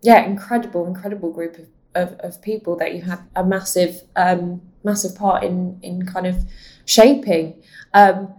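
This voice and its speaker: A woman's voice: fairly low pitch, little pitch movement, moderate pace. A woman hosting a podcast in casual interview talk, chatty and self-deprecating. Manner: warm, self-deprecating chat. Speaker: podcast host.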